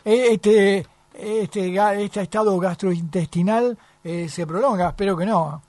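High-voiced Argentine man hosting radio. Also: unhurried, a little mellow, dry recording. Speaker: radio host. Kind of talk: casual live radio interview.

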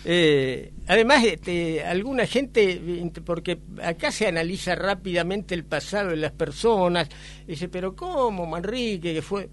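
Older argentine guy telling old stories, lots of "eh"s, kinda high voice, faint noise behind. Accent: Argentine Spanish. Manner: hesitant, many "eh" fillers, anecdotal storytelling. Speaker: interview guest. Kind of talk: conversational recollection.

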